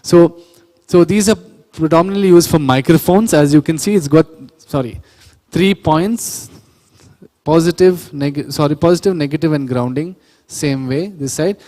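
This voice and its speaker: A man's voice: a little high, moderate pace, warm tone. Man teaching sound in a reverberant hall. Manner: explanatory, self-correcting, asks the audience questions. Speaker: sound engineering instructor. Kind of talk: classroom workshop lecture. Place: church hall or auditorium.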